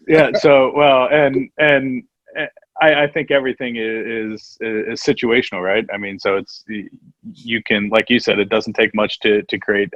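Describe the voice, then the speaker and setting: A man from Texas hosts a video call in a lowish voice, halting and heavy on fillers. His sound is dull and dry, with no room around it. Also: a bit bright, no echo. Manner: halting, lots of fillers and restarts. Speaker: event host, moderator. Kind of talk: casual moderating on a video call.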